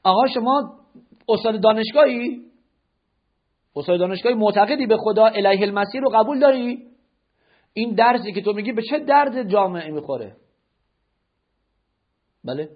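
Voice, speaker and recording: A man's voice: high voice, lively intonation, long pauses. A man giving a religious lecture, firing rhetorical questions at his listeners and correcting their notes. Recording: dull lo-fi lecture recording.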